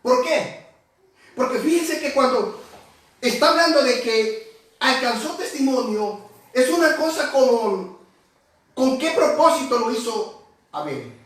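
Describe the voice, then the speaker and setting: A man with a very high voice preaches a sermon and explains each word with care, often calling out to his listeners. He is heard from some way off the mic, and his voice rings through a very echoey church hall. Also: expressive, takes it slowly, pauses often, a bit bright, distant mic. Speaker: pastor.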